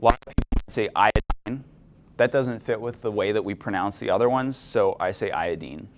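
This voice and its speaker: A young man teaching a chemistry class, explaining things in a relaxed way and asking students questions. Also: on the low side, fast, background noise. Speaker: chemistry instructor. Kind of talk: classroom lecture.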